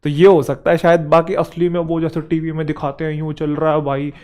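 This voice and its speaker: Young male tutor, slightly high voice, chatty and informal, checks in with students often. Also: level tone, fairly quick, darkish tone. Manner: conversational, often adds "theek hai bhai". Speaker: teacher. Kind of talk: vocabulary lesson.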